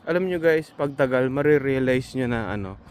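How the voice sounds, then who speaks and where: A man's voice: medium pitch, expressive, moderate pace, darkish tone, a little hiss or hum. A Filipino man giving casual, earnest advice to fellow nurses in a vlog, reassuring and full of hesitant fillers.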